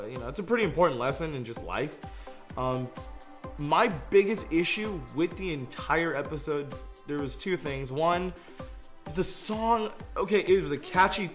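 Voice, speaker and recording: A man co-hosting a casual podcast review, talking in an animated way and often laughing. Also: on the high side. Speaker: podcast co-host.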